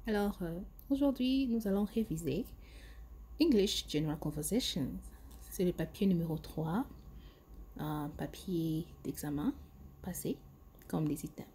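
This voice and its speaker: A woman's voice: lowish voice, animated, dark tone, slight background noise. Woman teaching English. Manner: slow, careful modelling of English phrases. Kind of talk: language lesson.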